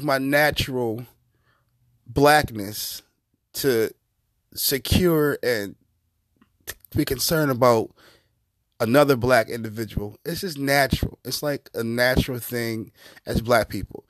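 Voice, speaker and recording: A man hosting a podcast, giving profane, mocking comedic commentary in an animated way. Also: mid-range voice, measured pace, long pauses, no room sound, clean studio sound. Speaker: podcast host.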